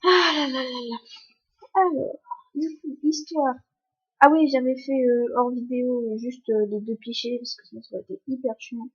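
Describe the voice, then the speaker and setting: High-voiced young woman with a sore throat. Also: fairly even intonation, moderate pace, slightly rough, dull audio. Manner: chatty, talks to viewers, stammers and repeats. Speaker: gaming video creator. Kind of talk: casual gameplay commentary. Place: at home.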